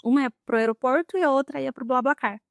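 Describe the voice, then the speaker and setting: A woman's voice: sits high, quick pace, creaky, dry recording, clean studio sound. A young woman telling a personal story to camera in a dramatic, emotional way. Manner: dramatic, emotional retelling with lively quoted speech. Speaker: vlogger.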